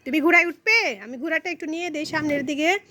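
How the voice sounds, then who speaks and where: A woman's voice: high voice, fast, background noise. A woman filming and narrating a casual family vlog, coaxing her small daughter while talking to viewers.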